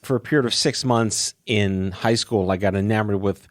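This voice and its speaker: A man's voice: fairly low pitch, fairly even intonation, moderate pace, no echo, studio quality. A man hosting a podcast interview, wry and irreverent, tossing in jokes and blunt asides. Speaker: podcast host. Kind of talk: casual interview conversation.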